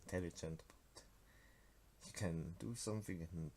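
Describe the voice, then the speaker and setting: A teenage game developer from Switzerland, a native Swiss German speaker with a Swiss German accent, walks through his card game in a casual screen-recorded devlog. His deep voice is a little mellow and moderately paced, with some hesitation, frequent fillers, and restarts. A faint hiss or hum sits under the audio.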